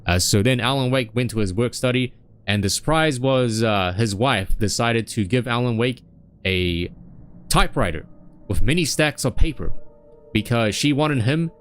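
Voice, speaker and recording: A man's voice: mid-range voice, slight background noise. A young man recapping a story in a casual, rambling way, with many fillers and asides. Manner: rambling, with frequent fillers and acted-out voices. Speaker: streamer.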